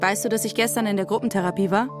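A woman giving a voice-over translation, reading steadily and clearly. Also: mid-range voice, fairly even intonation, racing, music in the background.

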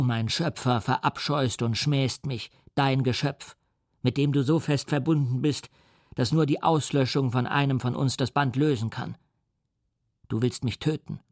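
A man voicing a huge, tormented male creature from an audiobook reading, speaking in a measured, grave way. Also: mid-range voice, dry recording, clean studio sound, natural voice.

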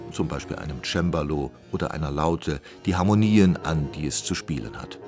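A man reading a scripted radio documentary in a measured, explanatory manner. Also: sits low. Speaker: documentary narrator.

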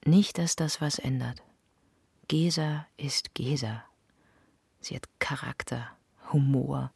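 Husky, gravelly woman telling her story. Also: a bass voice, slow pace, a little mellow, no room sound. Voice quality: often half-whispered, intimate. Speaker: narrator. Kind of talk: literary first-person monologue.

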